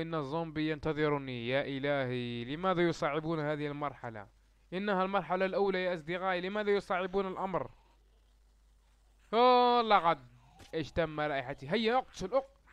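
A young man giving let's-play commentary in formal Standard Arabic, excitable and yelling in panic when zombies attack, with joking asides to his viewers. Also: fairly high pitch, fast talker, clean tone, dry recording. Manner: speaks formal Standard Arabic to reach all Arabs. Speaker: gaming YouTuber.

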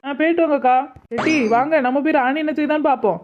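A high-pitched village woman in a cartoon, voiced by a woman teases her friends and gently coaxes others to talk. She, and the recording sounds dull and lo-fi. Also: fairly even intonation, quick pace, natural voice. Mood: teasing. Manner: teasing, coaxing. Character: teasing, coaxing village woman. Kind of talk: animated cartoon dubbing.

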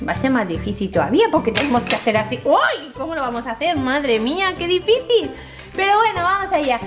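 A woman with a very high, squeaky, sing-song voice narrates toy play for children. Her accent is from Spain, and her delivery is cutesy and exclamatory. Music plays behind her. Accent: Spain Spanish. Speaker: host of a children's toy video channel.

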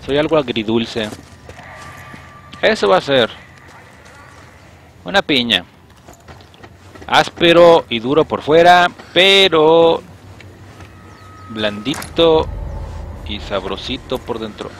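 This young Mexican-accented streamer talks slowly with frequent pauses, his medium-pitched voice set against slight background noise and music. His game commentary is playful and animated, much of it addressed to his chat.

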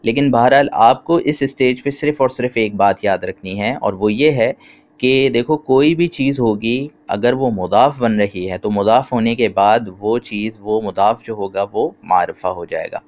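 Guy teaching grammar, patient, easy examples, mid pitch, kinda dull lo-fi sound. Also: moderate pace. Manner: patient, explaining with simple examples and questions. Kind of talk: grammar lecture.

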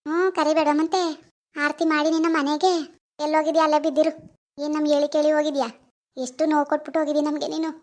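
This cartoon performance has a woman portraying an enraged middle-aged village mother hurling insults and quick rebukes at her son. The voice sits high and level, a little mellow, and stays close to her everyday speaking voice.

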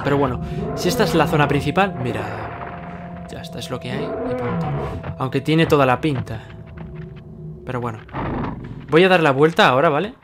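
Impatient young Spanish gamer, swearing. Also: male voice, mid-range voice. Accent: Spain Spanish. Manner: impatient, swearing, talks to the game. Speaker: gaming youtuber. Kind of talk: let's play commentary. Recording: loud game music behind.

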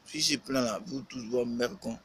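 A man's voice: mid-range voice, fairly even intonation, moderate pace, slight background noise, poor audio. A man, a rapper talking casually on a live stream, lecturing and scolding with lots of repetition.

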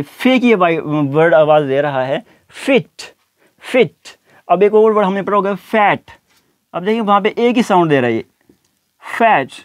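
A man teaching an English lesson, repeating each word slowly and deliberately. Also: sits high, dry recording, studio quality. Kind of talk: spoken language lesson.

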